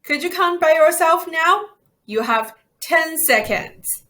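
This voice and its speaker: A woman's voice: very high-pitched, expressive, slow, sharp tone. A woman teacher leading a children's language lesson, speaking in simple, carefully enunciated instructions, questions and repeat-after-me drills.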